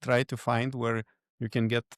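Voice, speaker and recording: A man, a podcast guest who talks in halting phrases and searches for his words. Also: medium pitch, flat delivery, no room sound. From Lithuania. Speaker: guest, event organizer. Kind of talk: podcast interview.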